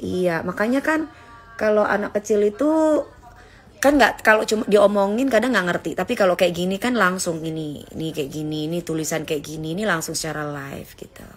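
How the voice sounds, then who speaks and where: A woman's voice: on the low side, a little fast. Chatty woman on a phone livestream. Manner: chatty, calls viewers "say" and "guys", lecturing tone. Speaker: livestream host reading viewer comments. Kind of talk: casual livestream chat, teaching her son. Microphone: phone held for a livestream.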